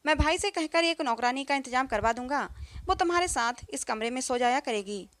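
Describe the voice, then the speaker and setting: A woman voicing a gentle, evasive young husband who talks in a soft, coaxing way. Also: high voice, animated, brisk, no echo.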